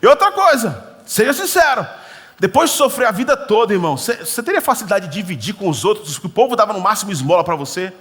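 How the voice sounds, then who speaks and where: A man's voice: high voice, very animated, fast, fairly bright tone. A male pastor preaching a sermon, telling a story with acted-out dialogue and humorous asides. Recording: church hall reverb.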